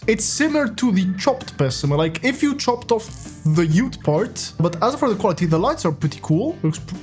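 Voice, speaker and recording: A man's voice: high-pitched, darkish tone. A young man streaming and commenting on a driving game in a casual, joking way, swearing often and laughing at his own crashes.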